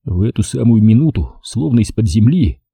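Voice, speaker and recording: A man reads a first-person story aloud in a measured, even telling. His voice is gravelly and dark, with a husky grain. The recording is close and dry. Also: fairly low pitch, dry recording. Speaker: audiobook narrator. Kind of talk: first-person audiobook narration.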